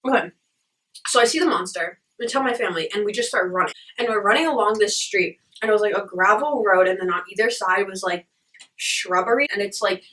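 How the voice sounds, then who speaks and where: A young woman casually telling a story in a puzzled, rambling way, as if piecing together a dream, with animated quoted asides. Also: mid-range voice, distant mic, low-quality recording. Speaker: vlogger recounting a dream.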